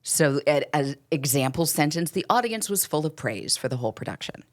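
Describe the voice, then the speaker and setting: A woman's voice: low voice, expressive, a little fast. A middle-aged woman co-hosting a casual faith podcast, chatting in a playful, teasing and sarcastic way. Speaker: podcast co-host.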